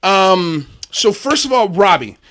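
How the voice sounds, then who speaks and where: Laid-back, bright-voiced male podcast host. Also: high voice, very animated, slow pace. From Miami, USA. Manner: laid-back, says "dude" often, laughs easily. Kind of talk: casual livestream chat.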